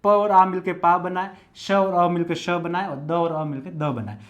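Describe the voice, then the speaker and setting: Methodical male Hindi lecturer, higher voice. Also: fairly even intonation, normal speed, dull audio. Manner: methodical, repeats each step and checks with the class. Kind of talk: exam-prep lesson, explaining step by step while writing.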